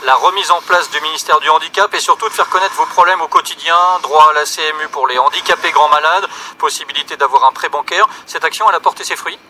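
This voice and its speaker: A man hosting a live radio debate, interviewing guests with hesitant phrasing and frequent pauses. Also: on the high side, sharp tone, a little hiss or hum. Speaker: radio host.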